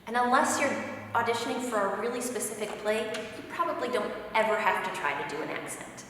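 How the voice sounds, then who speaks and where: Woman, audition director, brisk notes, distant in a reverberant hall. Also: a little high, lively intonation, a bit bright, slight background noise. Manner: brisk, interrupting, gives notes. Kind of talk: instructional talk. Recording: echoey hall from far off.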